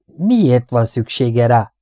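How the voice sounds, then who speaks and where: A stern, irritable captain demands answers in a gruff voice, as a male reader plays him. The tone is mellow and the recording dry. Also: mid-range voice, dry recording, lightly acted. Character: stern, sly, irritable sea captain, a man.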